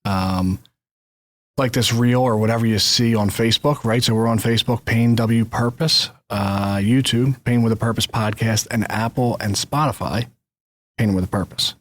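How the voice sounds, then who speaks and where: A man with a fairly low voice hosts a casual podcast interview. He talks in a relaxed, rambling way with lots of fillers. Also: normal speed. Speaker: podcast host.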